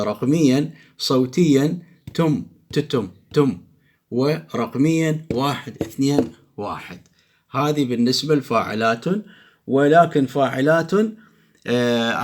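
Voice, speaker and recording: A middle-aged man, a professor giving a lecture on poetic meter who chants the beats of syllables aloud. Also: mid-range voice.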